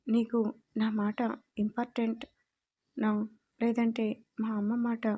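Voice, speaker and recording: A woman voicing a stern, quick-tempered young husband who scolds with demanding questions in a storybook reading. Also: a little high, monotone, warm tone, slightly rough, highs cut off. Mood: angry.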